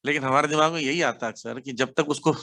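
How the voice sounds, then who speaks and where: A man from India giving a devotional class, telling stories animatedly and mixing English words into his speech. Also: fast. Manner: animated storytelling, acts out quotes with sharp pitch jumps. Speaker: preacher.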